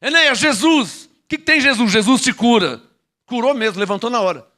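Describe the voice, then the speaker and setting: A middle-aged man with a Brazilian Portuguese accent preaching a sermon, fervent, swinging between shouted lines and low asides. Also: animated, fairly quick. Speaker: apostle preaching.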